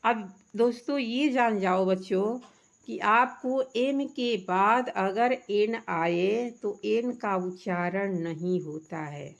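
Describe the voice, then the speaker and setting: A woman's voice: medium pitch, slow, vocal fry. A woman teacher, patiently explaining a workbook lesson to children, asking questions and answering them herself.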